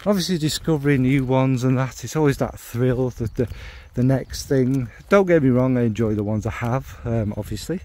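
In a mid-range voice at normal speed with few pauses, a man walks his dog outdoors in the rain and chats about his fragrance hobby. A maker of fragrance videos, he thinks out loud, rambling and wry as he questions himself.

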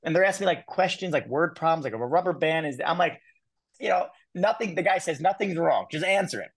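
Animated man telling his life story. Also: on the high side, fast talker, vocal fry, no room sound. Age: 30s. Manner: animated, repeats words, quotes people in his story. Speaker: guest speaker. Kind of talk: storytelling in an interview.

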